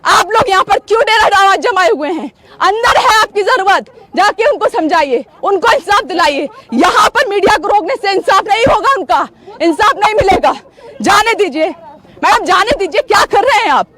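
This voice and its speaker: High-voiced insistent woman reporter. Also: animated, moderate pace, pushed and bright. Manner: insistent, repeats demands; emotional, voice breaking at times. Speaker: field reporter. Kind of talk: live news field report. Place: outdoors at a police barricade.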